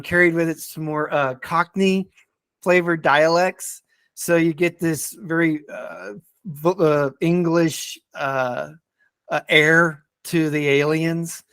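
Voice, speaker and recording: During a casual podcast discussion, a man reviews stories hesitantly, halting and often repeating words. His voice runs on the high side, and the studio-quality recording has no echo.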